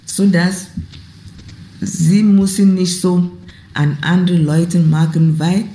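A woman who is not a native speaker answers an interview question in broken German, pausing often. She talks extremely slowly in a mellow, dark voice. The recording has an echoey room sound with a faint hum behind it. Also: on the low side, little pitch movement. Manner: slow, broken German with pauses.

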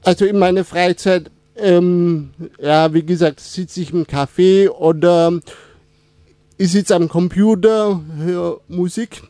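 A man in his 20s whose first language is Turkish speaks unhurriedly as a radio guest in a casual interview. His high, soft-edged voice has a steady tone, and he halts, restarts and uses fillers often as he feels his way through questions. The sound is dry and close, with no echo.

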